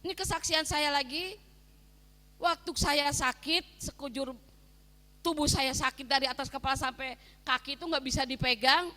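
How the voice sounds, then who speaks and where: A woman pastor preaching a sermon, swinging between soft asides and loud, emphatic calls to her listeners. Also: high voice, moderate pace. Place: prison hall, preaching to inmates. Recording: long hall reverb.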